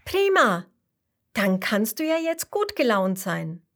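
A woman voicing a cheerful, friendly male fish who never loses his good mood, asking gentle, kindly questions in a children's story. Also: medium pitch, very animated, takes it slowly, slightly rough, full character voice. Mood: delighted.

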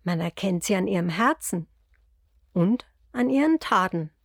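A woman voicing a loving, patient old grandfather in a storybook, speaking in a gentle, reassuring way. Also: mid-range voice, expressive, a little slow, breathy edge, no room sound, studio quality. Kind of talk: storybook character voice.

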